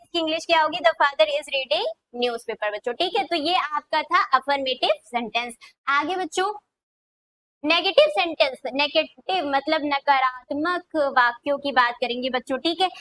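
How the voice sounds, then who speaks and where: High-voiced woman teaching grammar. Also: a bit bright, rough recording. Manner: repeats questions back to students, drawn-out dictation. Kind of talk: classroom video lesson.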